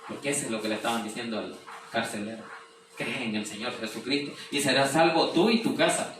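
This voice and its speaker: A man's voice: medium pitch, fairly quick. Man preaching in an echoey hall. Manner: explains scripture, reads verses aloud, asks rhetorical questions. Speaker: pastor. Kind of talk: sermon. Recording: very echoey room, distant mic, faint noise.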